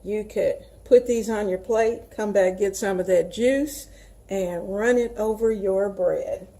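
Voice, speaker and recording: Her voice is mid-range, mellow, and slow-paced. She's a Southern US woman hosting a casual home cooking show, talking to viewers in a folksy manner while she demonstrates.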